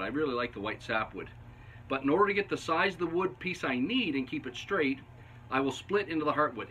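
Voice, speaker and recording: The audio here is rough, with slight background noise, coming from a camera on a bench a few feet from a woodworking host in his basement workshop. He's a Canadian man in his fifties with a medium-pitched, somewhat bright voice, teaching in an easygoing, folksy manner with chuckling asides.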